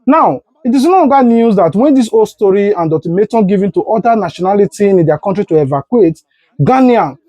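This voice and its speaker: Dark-toned man hosting news commentary. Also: sits high, dry recording. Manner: earnest, deliberate explainer. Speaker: news vlog host. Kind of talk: commentary to camera.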